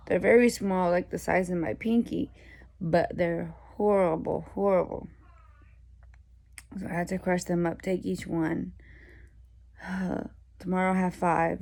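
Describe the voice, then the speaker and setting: A woman gives a casual video-diary update in a slightly low, gravelly voice that barely varies in pitch. Her throat is sore after surgery, so she speaks in a labored, halting way, sounding plain and weary. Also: mellow. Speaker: patient vlogging surgery recovery.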